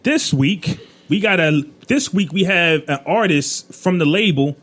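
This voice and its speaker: A man's voice: on the high side, expressive, measured pace, a bit bright. A man hosting a casual podcast, announcing segments in an upbeat way. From Trenton, New Jersey. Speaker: podcast host.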